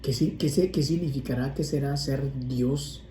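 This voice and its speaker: A man's voice: mid-range voice, moderate pace, crowd noise. A male priest giving an informal, conversational sermon on prayer, often restarting and adding asides. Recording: echoey room with faint ambient noise.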